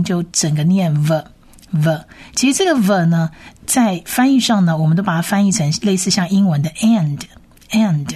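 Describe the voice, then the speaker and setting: Woman, language lesson, patient, repeats every sound, fairly low voice. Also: a little mellow, slightly rough. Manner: spells out each sound and repeats it slowly. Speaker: Hebrew teacher. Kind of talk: slow reading lesson.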